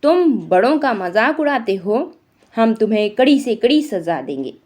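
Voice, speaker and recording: A woman's voice: mid-range voice, lively intonation, slow pace, darkish tone. A woman voicing a strict female night-queen judge who scolds children, read from a storybook. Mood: angry. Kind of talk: storybook reading for a class.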